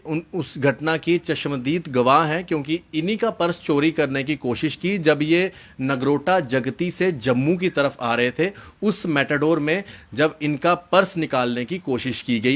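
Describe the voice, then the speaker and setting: A male news reporter who introduces a field interview and makes an earnest appeal to viewers, pausing on hesitant fillers. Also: a little high, fairly bright tone.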